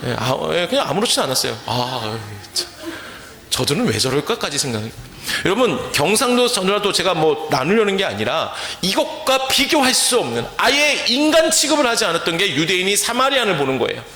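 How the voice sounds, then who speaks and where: Male pastor, bright, sharp voice, echoing church sanctuary, sermon with call-and-response questions. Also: sits high, very animated, a little fast. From Chungcheong, Korea. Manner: asks the congregation questions and leads call-and-response. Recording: echoey church hall.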